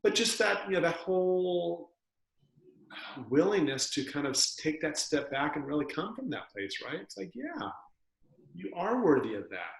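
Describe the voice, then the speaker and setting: A man's voice: a little high, big pitch swings, moderate pace, gravelly. A man co-hosting a podcast, talking reflectively in casual conversation, often restarting his words as he gathers his thoughts. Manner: reflective, searching, repeats words as he thinks. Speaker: podcast co-host. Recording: roomy echo.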